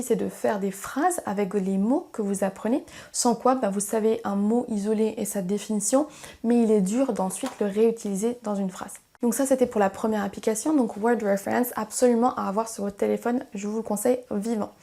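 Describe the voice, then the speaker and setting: A woman's voice: a little high, brisk, dark tone. A woman speaking as a language teacher, giving an encouraging, explanatory lesson to camera with a few hesitations. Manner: friendly, encouraging, explanatory with some fillers. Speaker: English teacher.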